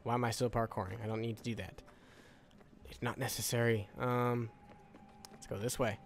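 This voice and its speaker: A gaming video creator with a mid-range voice offers casual, rambling let's-play commentary at a moderate pace, with little pitch movement and faint music underneath. He sounds tired, his voice wearing out, and keeps repeating phrases to himself.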